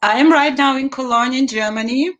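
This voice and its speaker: A Bulgarian-accented woman in her fifties joins a video call from a room at home as an interview guest, answering questions and telling her personal story. Her voice sits high with a fairly bright tone, and she speaks in a measured, deliberate way with emphatic rises.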